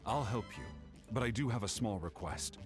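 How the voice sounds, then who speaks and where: An actor playing a guarded, troubled warrior scout in a video game, reserved and serious. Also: male voice, on the low side, animated, normal speed, natural voice. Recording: game music behind the voice.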